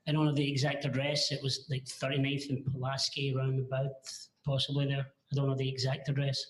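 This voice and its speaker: A man testifying as a paramedic witness, answering in a halting, hesitant, plain-spoken way, heard in a courtroom recording. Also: medium pitch, completely flat delivery, roomy sound, a little hiss or hum, rough recording.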